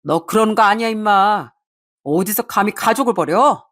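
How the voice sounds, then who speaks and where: A woman's voice: mid-range voice, normal speed, a bit bright, lightly acted. Woman doing a bullying greedy older brother. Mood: scolding.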